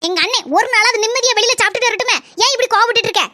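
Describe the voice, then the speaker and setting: A squeaky, bright cartoon sister-in-law rattles off cheeky taunts at breakneck speed. Her Kanyakumari Tamil accent is thick, and the sound is close and dry. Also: no echo. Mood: taunting. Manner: rapid, taunting chatter.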